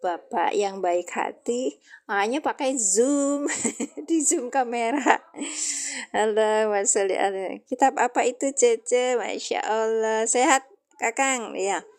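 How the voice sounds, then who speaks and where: A woman's voice: a little high, slow. A woman teaching Quranic Arabic grammar in a casual livestream, chatting with viewers' comments.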